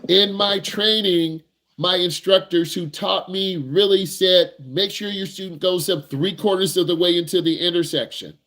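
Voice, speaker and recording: A driving instructor talks straight to the camera with plenty of energy and emphasis. His voice is high for a man, and now and then he puts on a nervous student's voice. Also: moderate pace. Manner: animated, emphatic, acts out nervous students in a higher voice.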